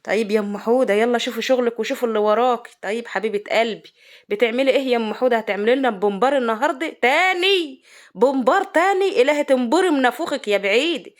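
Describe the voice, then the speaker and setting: A woman's voice: on the high side, rapid-fire. A woman with an Egyptian Arabic accent hosting a comic cooking vlog, bantering and quarrelling with herself in colloquial talk. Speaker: cooking vlogger.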